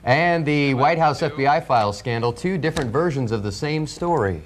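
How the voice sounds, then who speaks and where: A man's voice: a little high, animated, brisk, soft background music. An American man anchoring morning news, moving between a broadcast read and ad-libbed banter.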